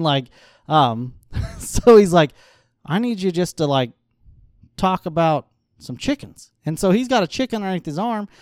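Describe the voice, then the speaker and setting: A man as an interview guest, telling lively stories in casual chat, laughing often and acting out what others said. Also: on the high side, clean tone, no echo, studio quality. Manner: animated storyteller, laughs often, acts out quotes.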